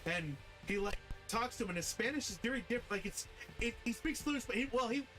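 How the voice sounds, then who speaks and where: Guy with a high voice rambling and cussing on a stream, music faint behind. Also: lively intonation, fast talker, sharp tone. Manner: rambling, profane, says bro a lot. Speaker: stream host. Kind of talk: casual chat.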